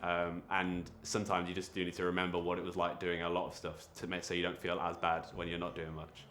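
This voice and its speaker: Young man with a very deep voice. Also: monotone, a bit bright, a little hiss or hum. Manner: halting, many fillers and restarts. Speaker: creative interviewee. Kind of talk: casual reflective interview.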